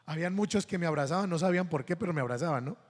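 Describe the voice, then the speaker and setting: A Colombian priest delivers a sermon full of funny anecdotes, acting out the voices of the people in his stories. His voice is on the high side and he races along, with a long reverb tail trailing his words.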